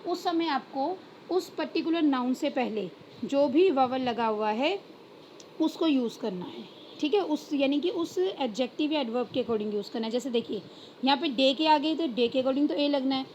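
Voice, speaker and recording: An Indian woman with a high voice teaches a lesson. She poses questions to her students, answers them herself, and stretches out example words slowly. The recording sounds dull and muffled, with a faint hiss underneath. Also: animated, a little mellow. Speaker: English teacher. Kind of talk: classroom lesson explanation.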